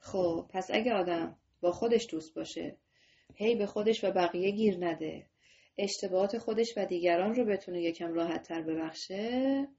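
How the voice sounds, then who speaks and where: A woman's voice: medium pitch, warm tone, lo-fi sound. A woman teaching a religious lesson to children on a video call. She talks straight to her students and asks them questions. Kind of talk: online class to children.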